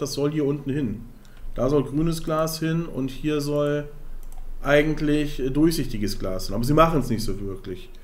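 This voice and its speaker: A man streaming a strategy game, thinking aloud, counting under his breath and chatting to his viewers. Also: medium pitch. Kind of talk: casual live-stream gameplay commentary.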